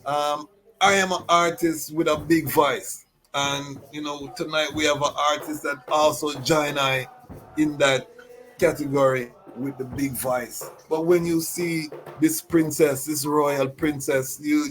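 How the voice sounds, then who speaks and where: A man's voice: on the high side, flat delivery, a little slow, fairly bright tone, rough recording. Ceremonious male talk show host. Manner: formal, ceremonial phrasing with many fillers. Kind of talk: talk show introduction and interview.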